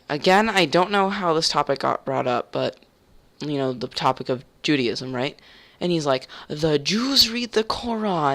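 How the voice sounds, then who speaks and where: Gravelly young man ranting heatedly. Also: on the high side, a bit bright. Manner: swearing, heated, stammering restarts. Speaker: storyteller. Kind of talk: casual ranting story.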